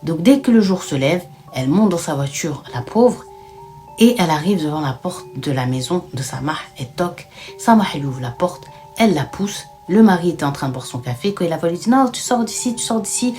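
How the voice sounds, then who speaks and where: Young woman, casual story-time narration, lowish voice, faint music behind. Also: a little fast. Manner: lively, dramatic retelling.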